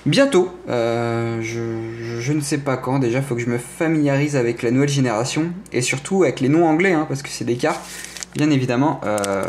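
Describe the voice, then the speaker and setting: Talking a little fast in a medium-pitched, darkish voice, a young French-accented man gives a casual tour of his gaming room as a streamer showing his setup. A little hiss or hum is audible, and he rambles, hesitates and self-corrects often, joking playfully and eagerly about his collectibles.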